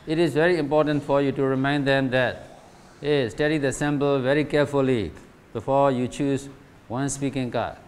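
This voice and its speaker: A man from Myanmar giving a teacher training lecture, asking rhetorical questions and checking in with "right?" and "okay?" after nearly every point. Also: mid-range voice. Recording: faint background noise.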